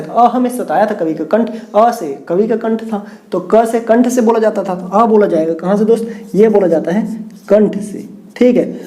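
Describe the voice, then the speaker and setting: A man's voice: high-pitched, mellow. A man teaching grammar at a board, repeating points and asking and answering his own questions. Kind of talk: whiteboard lecture with mnemonics.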